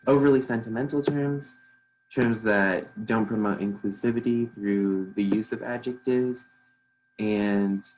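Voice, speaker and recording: A man with a fairly low voice narrates a software demo over a noticeable background hum. He presents like a student showing a project, explaining each step in a measured way. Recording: clearly noisy, humming background.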